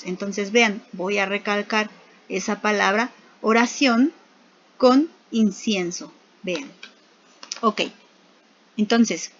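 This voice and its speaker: A woman leads a Bible study in a fairly high voice. She talks patiently and circles back to repeat key words for emphasis. The recording sounds dull and muffled.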